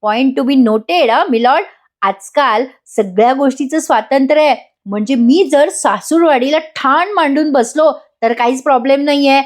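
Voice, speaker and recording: Panicky young husband, pleading , read by a woman, high voice. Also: a little slow. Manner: frantic, pleading, dramatic.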